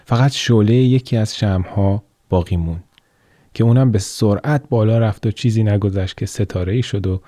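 A man reads a children's fairy tale aloud in an expressive, measured way. His voice sits low and mellow, recorded dry and close with no room sound. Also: no room sound. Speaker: storyteller. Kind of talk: scripted narration of a children's tale.

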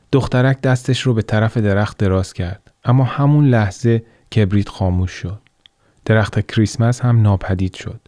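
Male storyteller, low mellow voice, expressive measured read, dry close recording. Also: dry recording. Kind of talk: scripted narration of a children's tale.

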